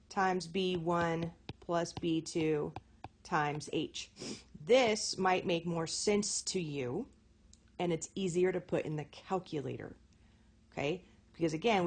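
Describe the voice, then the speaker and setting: A woman teaching a recorded math lesson. She talks in a chatty way, often corrects herself and checks in with "okay?". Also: fairly low pitch.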